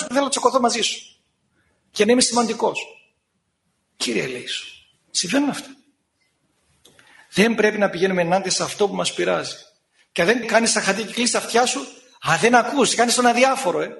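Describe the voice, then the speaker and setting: A man delivers an animated sermon in a high-pitched voice, at times scolding and acting out the voices of the people he quotes.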